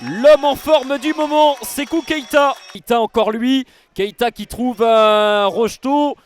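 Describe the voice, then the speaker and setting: A high-voiced male football commentator works outdoors in full excited flow. His match calls climb into shouts whenever a chance or goal comes. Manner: shouts out goals and key moments.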